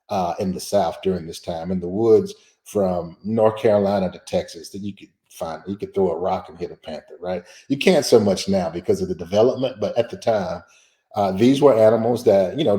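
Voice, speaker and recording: A man's voice: fairly low pitch, warm tone, reverberant. A man who is a history professor, giving a conversational slide lecture in a blunt, emphatic and colloquial way.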